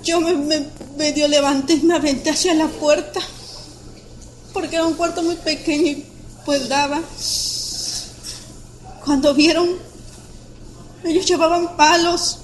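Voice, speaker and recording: A young woman with a Mexican accent giving a halting personal testimony of an attack as a witness, often breaking off and restarting her sentences. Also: sits high, steady tone, slight background noise, low-quality recording.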